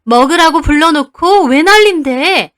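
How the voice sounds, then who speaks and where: A petty, defensive middle-aged aunt, played by a woman narrator, who answers back with sulky indignation. Her voice is fairly high and moves about a lot. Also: big pitch swings, normal speed, a bit bright. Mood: indignant.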